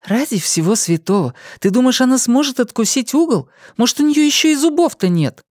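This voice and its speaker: Gentle coaxing Xiao Meng, voiced by a narrator. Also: mid-range voice, lively intonation, fairly quick, no room sound, clean studio sound, voice pushed up, lightly acted. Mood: indignant. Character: kind, patient young woman soothing a child.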